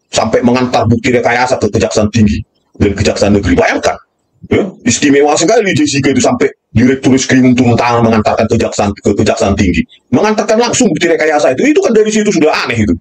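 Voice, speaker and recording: A man's voice: lowish voice, darkish tone, slightly rough. A man delivering angry commentary in a furious rant, repeating a filler tag constantly.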